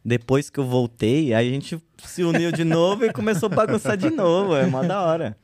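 A man in his thirties, a guest artist in a relaxed podcast chat, telling his story with slang and lively quoted speech. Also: a little high, brisk, dry recording, studio quality. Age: 30s.

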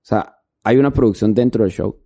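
A man's voice: on the low side, brisk, gravelly, warm tone. A man, a videographer, chatting casually in an interview and rambling through stories with lots of filler words. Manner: rambling storytelling, filler-heavy. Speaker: videographer guest.

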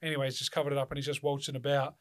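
A man's voice: medium pitch, flat delivery, racing, no room sound, studio quality. An Australian man hosting a casual chat, rambling loosely and swearing freely.

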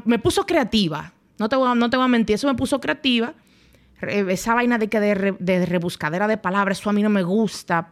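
A young Dominican woman speaking as a podcast guest, telling her story bluntly in casual, colloquial speech. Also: mid-range voice. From Dominican Republic. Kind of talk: candid conversational storytelling.

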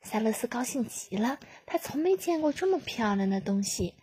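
A woman narrating a children's storybook in a gentle, expressive way. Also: fairly high pitch, moderate pace, husky.

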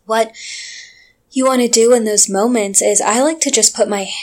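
A young woman giving a gentle, reassuring talk on emotional healing, speaking straight to the listener. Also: on the high side, steady tone, normal speed. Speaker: self-help speaker.

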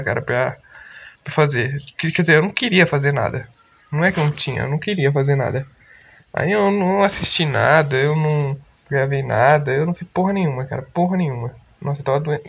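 A man's voice: a little high, a bit bright. Rambling, foul-mouthed Brazilian podcast guy. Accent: Brazilian Portuguese. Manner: rambling, swears a lot, loose slang. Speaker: podcast host. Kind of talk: unscripted casual monologue.

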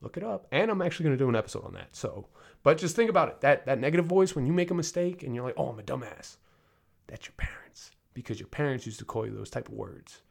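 A man's voice: on the high side, very animated, quick pace, creaky. A man in his thirties talking casually as a podcast host, candid and rambling, with frequent fillers and self-corrections. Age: 30s. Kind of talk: casual personal monologue.

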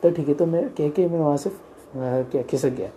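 A young man spins a comic tale in a loose, rambling way and keeps correcting himself. His voice is soft and mellow, with a faint hiss of noise in the background. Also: on the high side, moderate pace. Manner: rambling, chatty, mixes in English phrases and many self-corrections. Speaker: comic storyteller. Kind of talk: casual comic storytelling vlog.

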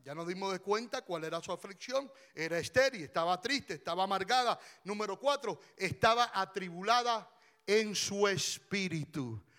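A man preaching a passionate sermon as pastor, rising to shouts and drawing his words out slowly. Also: sits high, expressive.

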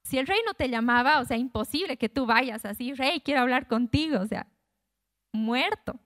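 A woman's voice: on the high side, expressive, moderate pace, fairly bright tone, no echo, clean studio sound. A woman giving an informal Bible teaching, reading passages and retelling them in her own conversational words.

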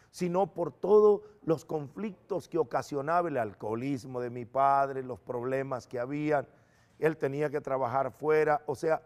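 A middle-aged man, a preacher, telling his personal testimony in an earnest, animated storytelling manner. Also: fairly high pitch.

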